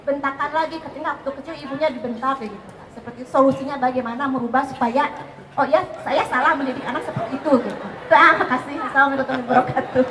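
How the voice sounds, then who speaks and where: A woman's voice: high voice, fairly even intonation, rapid-fire, noisy background. A woman in the audience asking a question in a rambling, hesitant way. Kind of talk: question from the floor. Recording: far from mic in an echoey hall, faint crowd.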